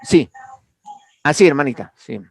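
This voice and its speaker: Gravelly man teaching a Bible class. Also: on the high side, expressive, measured pace, no room sound, clean studio sound. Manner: hesitant, many fillers and restarts. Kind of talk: online Bible class discussion.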